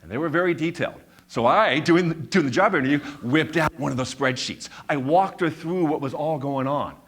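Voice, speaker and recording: This talk comes from a man in his fifties recounting something from his own life. He stutters on sounds and words, yet builds his argument through deliberate, forceful repetition, and his voice sits a little high with a fairly bright tone.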